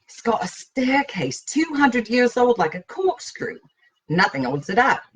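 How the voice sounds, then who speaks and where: A woman playing a grave, withdrawn boy who speaks with quiet, stubborn intensity. The voice moves lively up and down and has a faint breathiness, as in a storybook read aloud. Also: unhurried, breathy edge, far from the mic, heavily acted. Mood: intense. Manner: low-key, intense, withdrawn.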